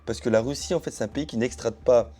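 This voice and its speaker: A man narrating a true story in a relaxed, conversational way, talking straight to his audience and dropping little asides as he goes. His voice is mellow and warm, pitched around the middle for a man. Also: quick pace, slight background noise. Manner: chatty, addresses viewers directly with asides and hedging phrases. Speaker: YouTube storyteller. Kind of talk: casual explainer narration to camera.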